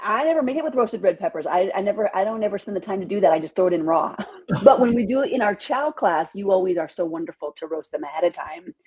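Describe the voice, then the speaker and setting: A woman's voice: medium pitch, expressive, fast talker, a crowd in the background, rough recording. A woman co-hosting a casual nutrition podcast, talking with enthusiastic, gushing delight. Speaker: podcast co-host.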